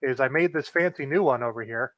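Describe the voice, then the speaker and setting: A man co-playing on a game stream, explaining things in a flat, monotone way. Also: mid-range voice, brisk, no echo. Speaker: guest co-player. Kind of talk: casual gameplay explanation.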